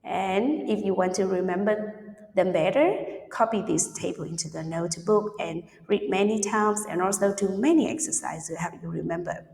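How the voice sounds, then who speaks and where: A woman teaching English pronunciation, speaking slowly and carefully and repeating each example word twice. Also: fairly low pitch, gravelly, darkish tone. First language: Vietnamese. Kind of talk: online pronunciation lesson. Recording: echoey room with long reverb.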